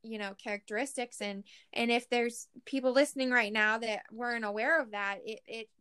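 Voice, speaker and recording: A woman's voice: fairly high pitch, steady tone, normal speed, a bit bright, clean tone. A woman hosting a podcast interview, talking earnestly with many fillers and restarts. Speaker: podcast host. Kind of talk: conversational interview.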